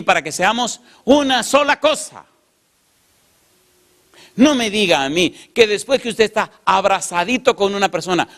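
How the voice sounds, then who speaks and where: A man preaching a sermon, again and again asking the congregation "yes or no?" and swinging from loud calls to quiet, low storytelling. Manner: asks the congregation "yes or no?" over and over.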